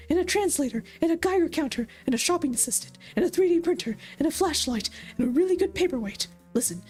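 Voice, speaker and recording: A woman voices a tiny plush robot companion, smug and sarcastic. It brags in a raised, lilting voice over faint music. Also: darkish tone. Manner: boastful, snippy, high and bouncy.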